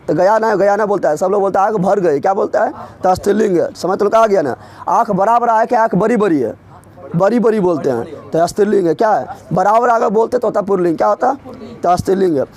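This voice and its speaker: A man's voice: sits high, darkish tone. A man teaching an exam-prep grammar lesson, drilling students with repeated questions and teasing them. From Bihar.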